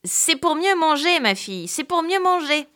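A woman's voice: high-pitched, big pitch swings, moderate pace, a bit bright, voice pushed up. A woman doing a wicked man faking a grandmother. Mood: plaintive, coaxing. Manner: plaintive, wheedling. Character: ugly wicked man posing as a sick grandmother.

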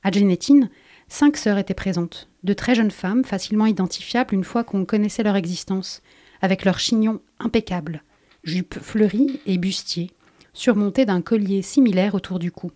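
French woman reading a mellow radio column. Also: medium pitch, moderate pace.

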